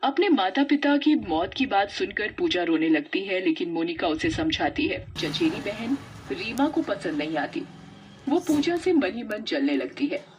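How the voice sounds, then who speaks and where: A woman narrating a cartoon story in a steady storytelling voice. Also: mid-range voice, measured pace, a little hiss or hum.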